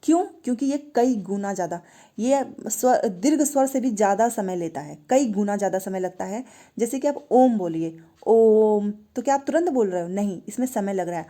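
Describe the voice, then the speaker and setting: A woman's voice: medium pitch, expressive, brisk, mellow. A woman teaching an online exam-prep grammar lesson, explaining step by step, asking and answering her own questions and having students repeat sounds aloud.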